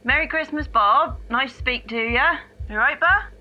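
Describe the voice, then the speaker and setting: Acted suffolk pub lady, high voice, folksy n friendly, comedy phone in, muffled line. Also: moderate pace. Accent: Suffolk English. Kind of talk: comic radio phone-in character.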